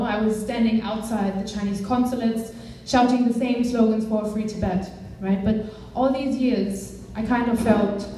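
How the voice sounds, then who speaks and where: A woman's voice: medium pitch, mellow, a little hiss or hum. A young woman from Germany, a campaigns director, giving an earnest speech to a live audience with many fillers. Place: large echoey hall. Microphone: far from the mic. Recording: echoey hall, voice from far off.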